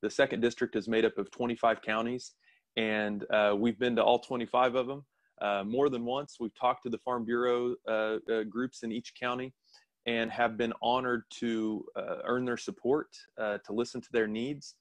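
A man's voice: mid-range voice, little pitch movement, normal speed, no echo. Earnest young man on a dry video call. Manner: earnest, with frequent "uh" fillers. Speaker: political candidate. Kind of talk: casual remarks over video call. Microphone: laptop webcam on a video call.

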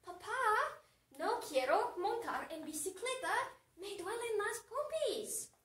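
Woman doing whiny teen schoolgirl, high bright voice, echoey room. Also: very animated, a little slow, recorded from a distance, heavily acted. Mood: pleading. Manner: whining, complaining. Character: whiny fifteen-year-old schoolgirl, complaining.

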